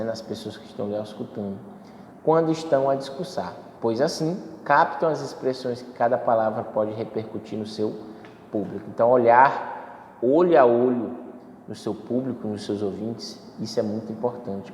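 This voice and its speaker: A man's voice: mid-range voice, darkish tone, slight background noise. Man lecturing in an echoey hall. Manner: explanatory, with fillers and self-corrections. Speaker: instructor. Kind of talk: spoken lecture on public speaking. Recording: echoey hall, faint ambience.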